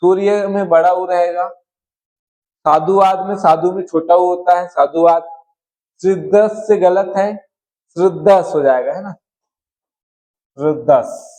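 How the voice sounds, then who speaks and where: Man, grammar teacher, unhurried, higher voice, word-by-word explanations, frequent check-ins. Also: steady tone, dark tone, poor audio. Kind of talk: slow spelling-correction lesson.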